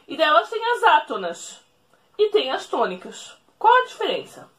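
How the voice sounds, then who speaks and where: A woman teacher explaining a lesson at a whiteboard, speaking slowly, repeating each rule and checking in with the class. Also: high-pitched, sing-song, fairly bright tone. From Brazil. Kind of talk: recorded remote classroom lesson.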